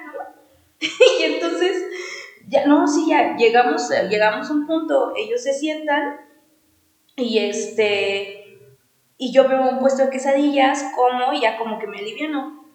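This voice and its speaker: A woman's voice: sits high, measured pace, echoey room, rough recording. A young woman with a Mexico City Spanish accent hosting a podcast, telling a personal story in a rambling, slangy way full of fillers. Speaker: podcast host.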